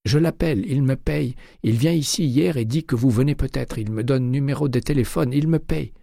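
A man's voice: medium pitch, moderate pace, gravelly, dark tone, no room sound, clean studio sound, voice pushed up. A man voicing a frightened hotel clerk who pleads in broken French. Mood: pleading. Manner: pleading, stammering, broken grammar.

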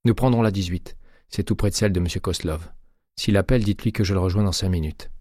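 Man doing a scolding woman doctor, angry, higher and louder than his own deep husky voice, dry sound. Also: fast, dry recording. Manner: scolding, clipped and indignant. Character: stern, angry middle-aged woman doctor. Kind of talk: audiobook reading.

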